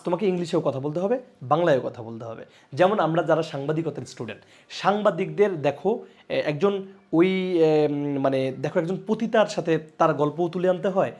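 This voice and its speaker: Young male online teacher, slightly high voice, lively exam-prep delivery with lots of repetition. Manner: lively, repeats points and calls out students' names.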